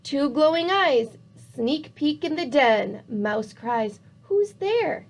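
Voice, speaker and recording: A woman reading a picture book aloud with a rhythmic, drawn-out delivery. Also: high voice, lively intonation, soft background music. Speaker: storybook reader.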